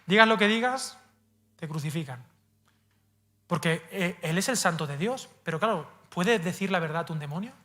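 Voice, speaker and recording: A male pastor with a Spain Spanish accent, preaching a sermon and talking straight to his listeners, swinging from loud emphasis to hushed asides. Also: sits high, lively intonation, normal speed. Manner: addresses the congregation directly and playfully.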